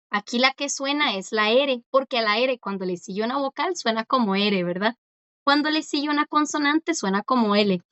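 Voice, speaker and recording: A woman's voice: on the high side, a bit bright, clean tone, no room sound. A woman teaching a class, patiently explaining and repeating, often checking that the students follow along. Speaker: language teacher. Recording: dry, dull lo-fi sound.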